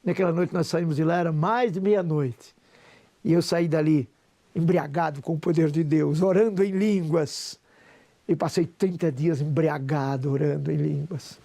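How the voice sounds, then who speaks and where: A man's voice: a little high, fairly even intonation, normal speed, gravelly, mellow. A Brazilian man in his sixties, a pastor, giving an emotional, preacher-like personal testimony with a Brazilian Portuguese accent. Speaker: pastor and businessman.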